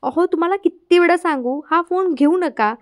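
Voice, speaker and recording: A woman reading the lines of an angry female hospital nurse, sharp and scolding. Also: very high voice, normal speed, voice pushed up.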